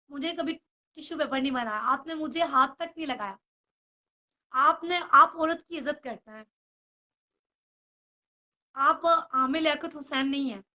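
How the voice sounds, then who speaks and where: A woman's voice: high-pitched, bright, forceful tone. A young woman, an actress, talking straight to the camera in a rambling, apologetic way, with headphones on and English phrases mixed in. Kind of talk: emotional personal address to camera.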